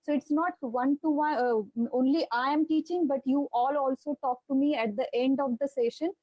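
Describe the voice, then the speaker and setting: A woman with an Indian accent teaching yoga online in a measured, instructive way. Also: high-pitched, steady tone, no room sound, muffled recording. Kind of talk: online lecture and guided breathing relaxation.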